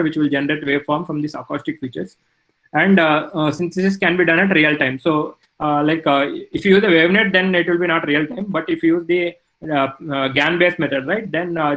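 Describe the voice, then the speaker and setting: Man lecturing, higher voice, halting with fillers. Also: a bit bright, rough recording. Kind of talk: technical lecture.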